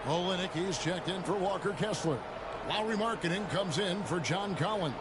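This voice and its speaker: A man doing play-by-play basketball commentary for a video game, calling the action briskly. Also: sits high, lightly acted. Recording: game audio under loud noise.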